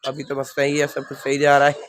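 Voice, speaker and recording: A man's voice: a little high, monotone, fairly quick, noisy background. Feverish young man with Pakistani Urdu accent. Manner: plain, rambling talk to viewers. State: feverish, unwell. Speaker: vlogger keeping birds. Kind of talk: casual vlog narration. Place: outdoor rooftop bird enclosure. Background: chickens and birds clucking.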